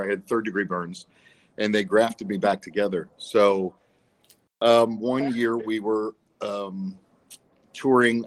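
This low-voiced man is a singer guesting on a radio show, swapping career stories and light jokes in a casual interview. The recording quality is poor.

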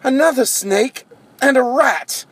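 Man playing a nervous frazzled young woman, raised high voice, urgent, tense, storybook reading. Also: slow pace, a bit bright, slightly rough, exaggerated voice. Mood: distraught. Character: frazzled anxious female lab worker.

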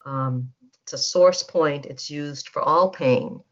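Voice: medium pitch, slow pace, a bit bright. A facilitator leading a guided energy-healing session, speaking in a soothing way and prompting listeners to repeat statements. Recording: dull lo-fi teleconference line.

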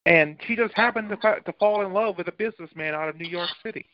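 A man's voice: sits high, quick pace, slight background noise. A man on a political talk panel who argues emphatically and often restarts his sentences. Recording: dull lo-fi dry recording.

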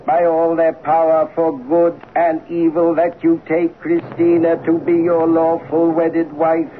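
A man's voice: fairly high pitch, monotone, lightly acted. A man playing a solemn, commanding old father. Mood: menacing. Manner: slow, solemn, grandly intoning. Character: stern older man, mysterious, commanding father. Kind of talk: 1940s radio acting. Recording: tinny old radio broadcast with hiss.

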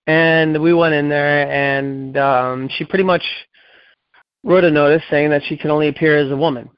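A man's voice: a little high, fairly even intonation, moderate pace, clean tone, dry recording. Man, podcast guest telling a story, rambling with lots of fillers; dull, dry lo-fi recording. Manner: rambling, acts out quoted dialogue, many "um"s and "like"s. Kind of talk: casual storytelling.

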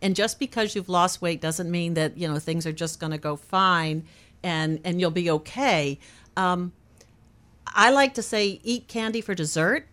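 A woman's voice: fairly low pitch, a little slow, fairly bright tone. A woman guest on a radio show, giving cheerful, encouraging advice in a casual chat and laughing easily. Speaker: weight loss program manager, radio guest.

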